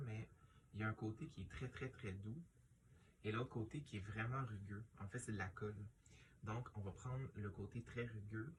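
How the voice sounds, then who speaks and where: A man's voice: on the low side, noisy background. A man with a Quebec French accent giving a casual hands-on tutorial, thinking aloud hesitantly as he works. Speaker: sewing tutorial host.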